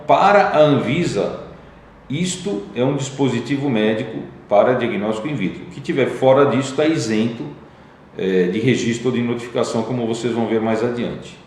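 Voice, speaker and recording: A man with a Brazilian Portuguese accent, working as a company executive, gives an explanatory talk that breaks legal regulations down step by step, methodically and with fillers. His medium-pitched voice is a little mellow, and the room he's in is very echoey.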